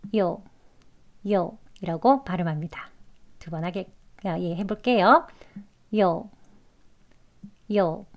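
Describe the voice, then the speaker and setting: Slow, patient woman teaching. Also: medium pitch. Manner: patient, repeats each example twice. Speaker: English pronunciation teacher. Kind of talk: slow, deliberate pronunciation lesson.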